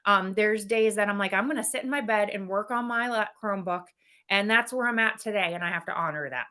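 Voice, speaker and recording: A woman's voice: medium pitch, a little fast. A woman guest in a casual interview, talking candidly and energetically with frequent laughs. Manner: energetic and candid, laughs often, many restarts. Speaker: guest, business executive.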